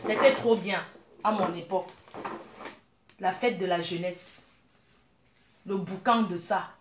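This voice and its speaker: A middle-aged woman from Cameroon, giving blunt, animated advice and calling her listeners dear. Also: medium pitch, takes it slowly, echoey room, slight background noise. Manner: blunt, animated, calls listeners "maman" and "ma chérie". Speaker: business owner. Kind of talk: frank advice monologue.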